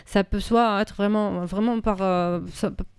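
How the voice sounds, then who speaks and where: Syrian woman poet, arabic accent, lots of restarts, super clear dry voice. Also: mid-range voice, fairly even intonation, measured pace, no echo. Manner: hesitant, many restarts and fillers. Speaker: poet interviewee. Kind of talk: reflective interview answers.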